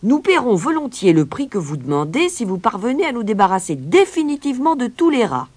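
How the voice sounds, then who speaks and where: A woman voicing a blustering middle-aged male town mayor, loud and pompous, in a storybook reading. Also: on the high side, sing-song, brisk, pitched above the performer's own voice. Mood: scheming.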